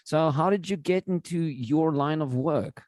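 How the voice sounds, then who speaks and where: A man's voice: fairly high pitch, unhurried, darkish tone, no room sound, studio quality. A man hosting a casual podcast interview, eager and repeating himself as he talks. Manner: enthusiastic, repeats words. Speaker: podcast host.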